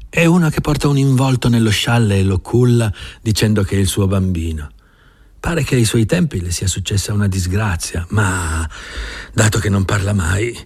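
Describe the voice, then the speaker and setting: A man's voice: fairly low pitch, a little mellow, slightly rough. A man reading an audiobook voices Damiana, an older household cook who fusses and gossips. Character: male cook woman Damiana, older, fussing.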